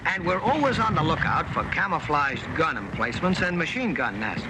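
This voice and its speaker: A man's voice: a little high, big pitch swings, normal speed, heavy background noise. Folksy 1940s newsreel narrator, man. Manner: folksy, plain-spoken soldier's patter. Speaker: newsreel narrator speaking as an infantryman.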